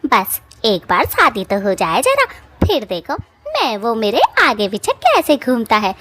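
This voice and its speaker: A woman's voice: fairly high pitch, wildly swooping pitch, a little slow, fairly bright tone, slight background noise, full character voice. A woman voicing a boastful, quarrelsome bald female witch in a cartoon story, with a mouthy, taunting village way of talking. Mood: boastful, defiant. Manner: mouthy village taunting speech, whiny when scared. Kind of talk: cartoon voice acting.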